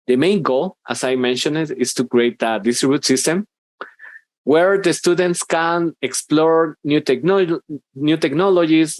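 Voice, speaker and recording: A man's voice: medium pitch, no room sound. A man in his thirties from Guatemala with a Guatemalan Spanish accent, giving an informal, hesitant conference talk on a headset from a small room. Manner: informal, hesitant, many fillers and restarts. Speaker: university professor and conference speaker. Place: small room indoors, video call.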